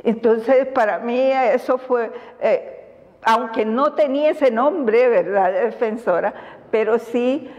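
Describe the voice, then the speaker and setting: Older Honduran activist woman, measured interview delivery with long pauses, lapel mic in a lingering reverb. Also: a little high, a little mellow, highs cut off. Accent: Honduran Spanish. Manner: slow, deliberate, reflective with frequent fillers and laughs. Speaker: women's rights defender. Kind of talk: interview answers. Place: indoors in front of a banner.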